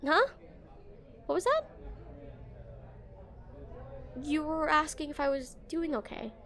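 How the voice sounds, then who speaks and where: In an intimate romantic audio roleplay aimed at the listener, a woman uses a high-pitched, fairly bright, exaggerated voice to play an awkward game developer smitten with their date. She is very animated and speaks at normal speed, nervous, hesitant and stammering, with an awkward, playful mood.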